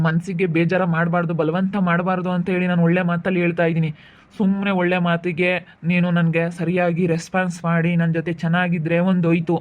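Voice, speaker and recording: A man's voice: high voice, close to an everyday voice. A man playing a pushy lecherous brother-in-law. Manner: pressing, coaxing and threatening. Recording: tinny phone-like audio.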